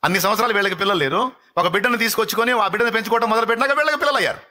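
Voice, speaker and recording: A man preaching with a high, ringing voice that rushes ahead at a brisk clip. He exhorts and rebukes in a forceful live sermon, hammering phrases again and again. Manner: forceful, exhorting, rapid repetitions. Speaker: pastor. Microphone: live-stream microphone.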